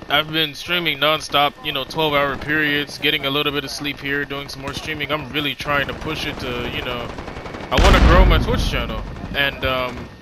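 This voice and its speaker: A tired, yawning man with a slightly high voice talks casually through a shooter match. He reacts out loud to every fight, and heavy gunfire from the game booms behind him. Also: steady tone, moderate pace, noisy background. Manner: chatty, reacts aloud to the match. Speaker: gaming YouTuber and streamer. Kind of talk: casual gameplay commentary.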